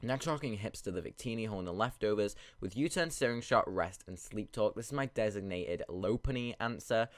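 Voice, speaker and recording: A man with a low voice talks through a game in a casual, rambling way, thinking aloud as he goes. He sounds sniffly and congested from a cold. The recording is very dry, with little room sound. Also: a little fast, few pauses, no echo. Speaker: video game battle commentator. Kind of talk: casual gameplay commentary.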